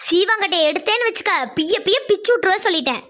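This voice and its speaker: A woman's voice: fast, fairly bright tone. A woman voicing a short-tempered village mother in a cartoon, nagging and threatening her daughter. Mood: scolding. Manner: nagging, threatening, shrill scolding.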